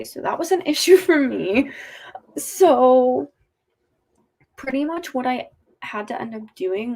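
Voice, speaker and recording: Girl rambling to her livestream, kinda high voice, talking a bit funny after wisdom teeth out. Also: a little mellow. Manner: chatty, rambling, frequent "like". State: speech slightly off after wisdom teeth removal. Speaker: livestream host. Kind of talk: casual livestream chat.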